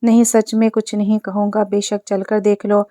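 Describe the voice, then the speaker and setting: A woman's voice: medium pitch, level tone, mellow, dry recording, studio quality, close to an everyday voice. A woman reading as a brusque young husband. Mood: stern. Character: young man, brusque husband turned tender.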